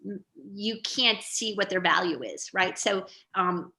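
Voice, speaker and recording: A woman's voice: medium pitch, animated, unhurried, creaky, pushed and bright. A middle-aged woman giving an artist talk over a video call, rambling and hesitant with many fillers. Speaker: guest artist.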